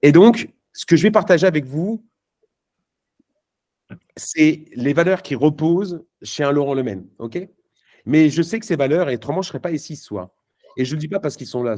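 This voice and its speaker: Medium in pitch and dark in tone, a man's voice rings out in a live motivational talk at a network marketing event. He speaks to the crowd casually and emphatically, with punchy lines, slang, and frequent fillers and restarts.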